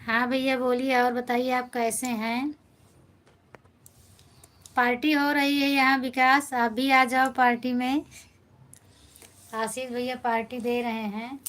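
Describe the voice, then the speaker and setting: Woman host, live stream chat, higher voice, flat steady delivery, soothing and affectionate with viewers. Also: slow pace, long pauses. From India. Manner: affectionate, soothing, addresses viewers as brother and sister. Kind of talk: casual live chat reading comments.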